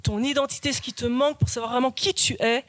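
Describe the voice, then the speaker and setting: Woman pastor, high-voiced, emphatic sermon delivery, dry close sound. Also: fairly even intonation, fast, no room sound. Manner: earnest, emphatic, repeats key phrases. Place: church.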